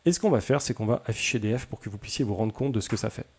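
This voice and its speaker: Man, young adult, coding tutorial host, relaxed mellow voice, chatty, hesitant, self-mocking. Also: lowish voice, very fast, breathy edge. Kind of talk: casual screen-recorded coding tutorial.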